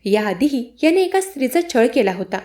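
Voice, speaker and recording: A woman doing a calm police inspector. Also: very high voice, fairly quick. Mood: explaining. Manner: matter-of-fact, explaining.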